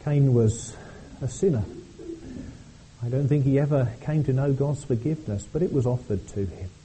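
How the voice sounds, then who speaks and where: A man's voice: mid-range voice, dark tone, a little hiss or hum, rough recording. A man preaching a sermon at a church service, speaking earnestly and often repeating words as he goes. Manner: earnest, halting delivery with frequent repeated words.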